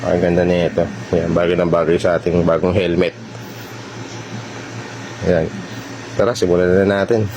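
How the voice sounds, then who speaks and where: Speaking at normal speed with long pauses, this man has a low voice and a flat delivery. He is a vlogger with a Filipino accent, casually walking viewers through a product installation and addressing them directly. The background is noisy.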